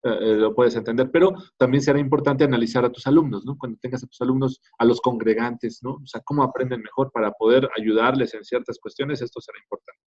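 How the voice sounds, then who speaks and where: Lecturing in a conversational style, a man talks fast in a steady, medium-pitched, slightly mellow voice. He is a teacher who checks in with students by tagging many phrases with "¿no?", recorded in a dull lo-fi classroom.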